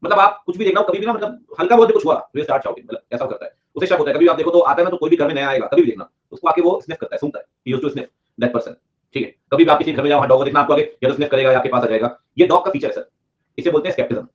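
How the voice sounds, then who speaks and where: A man teaching a class at a breakneck clip, cracking jokes and pushing students to answer fast. His voice sits a little high for a man. The recording sounds muffled and lo-fi. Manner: joking, mixes English terms into Hindi, presses students for quick answers. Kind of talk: classroom lecture.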